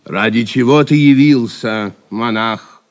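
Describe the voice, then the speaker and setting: An actor playing a proud, fiery yet warm-hearted Saxon nobleman in an audio drama, impassioned and declamatory, with a husky voice. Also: medium pitch, slow, natural voice. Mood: defiant.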